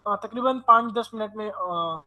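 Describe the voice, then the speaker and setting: A man's voice: high-pitched, measured pace, sharp tone. A man teaching a live online class, his audio breaking up with choppy buffering stutter over the call connection. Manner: explains patiently, checks in often with rhetorical questions. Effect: choppy breaking-up internet audio with buffering stutter. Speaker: online course instructor. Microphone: video call.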